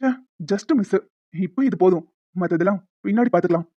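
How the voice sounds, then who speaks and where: A woman's voice: on the low side, fairly quick, mellow, no room sound, lightly acted. A woman voicing a smug, scheming young man who taunts and teases in a cartoon. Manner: taunting, teasing. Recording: dull lo-fi with music behind.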